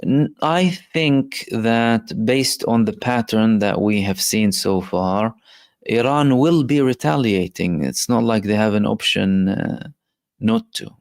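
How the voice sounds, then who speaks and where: Emphatic low-voiced male live host. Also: slow pace, no echo, studio quality. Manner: emphatic and impassioned, with frequent fillers. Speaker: livestream host reading viewer messages. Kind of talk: live commentary and viewer chat.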